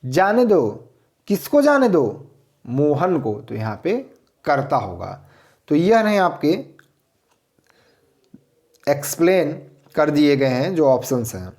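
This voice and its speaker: Slow, lively male grammar teacher. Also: fairly high pitch. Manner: explains slowly, repeats answers, asks and answers own questions. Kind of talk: grammar lesson.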